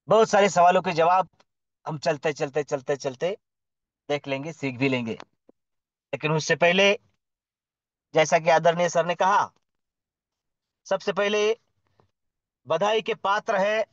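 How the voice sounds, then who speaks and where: A man's voice: a little high, no room sound. A man giving a motivational address at a business community meeting, formal and effusive, lavishing praise on leaders and tossing in rhetorical questions. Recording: dull lo-fi dry audio.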